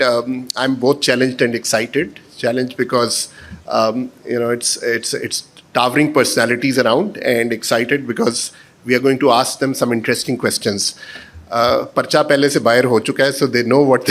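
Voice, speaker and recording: Halting Pakistani-accented man moderating a panel. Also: mid-range voice, fairly bright tone. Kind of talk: informal conference introductions.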